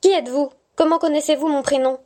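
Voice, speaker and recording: A woman's voice: sits high, steady tone, quick pace, darkish tone, voice pushed up, close to an everyday voice. Stella: a woman doing a cheeky little girl. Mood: alarmed. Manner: cheeky, childish defiance. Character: frightened but defiant little girl.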